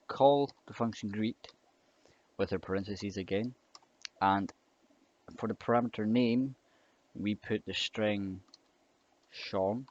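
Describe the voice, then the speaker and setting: Slow, hesitant young man tutoring code. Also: on the low side. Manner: hesitant, rambling with many fillers and restarts. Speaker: scripting tutor. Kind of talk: casual screen-recorded coding tutorial. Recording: dull lo-fi mic with keyboard clicks. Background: typing and mouse clicks.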